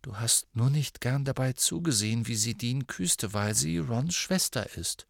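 A man voicing a troubled teenage boy muttering softly to himself. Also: medium pitch, animated, measured pace, creaky, no room sound, studio quality. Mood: brooding.

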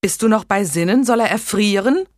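A woman reading an audiobook voices a gruff, grieving older man who scolds with sarcasm. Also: medium pitch, brisk, no echo, clean studio sound, natural voice. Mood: angry.

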